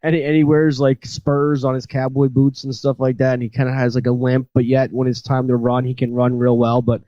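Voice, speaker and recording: A man's voice: medium pitch, little pitch movement, a little fast, warm tone, no echo, lo-fi sound. A man hosting a podcast, casually retelling a horror movie with many fillers and restarts. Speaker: podcast host. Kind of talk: casual chat.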